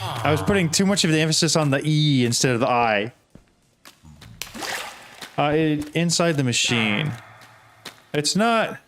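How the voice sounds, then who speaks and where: A man's voice: a little high, animated, a little slow, pauses often, over music. A man streaming a game, thinking aloud in casual talk and often asking puzzled questions. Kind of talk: casual live gameplay talk.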